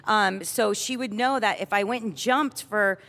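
A woman's voice: mid-range voice, unhurried, vocal fry, a bit bright. A woman from Miami with an American accent, chatting casually as a comedian guest in an interview. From Miami, United States. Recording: reverberant hall.

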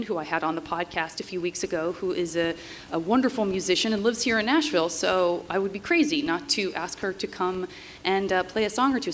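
Female live-show host, lowish register, informal halting stage intro, faintly noisy venue. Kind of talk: casual stage introduction with hesitations. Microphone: microphone on stage at a live event.

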